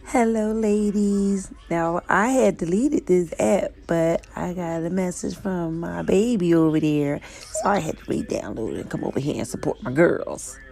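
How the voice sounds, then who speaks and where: A woman's voice comes through a played-back voice message, low and gravelly in tone. She speaks in a chatty, affectionate way, like a casual greeting to friends. The recording is clearly something sent in and played back rather than spoken live. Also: normal speed, hardly any pauses, dark tone. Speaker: podcast listener and family member.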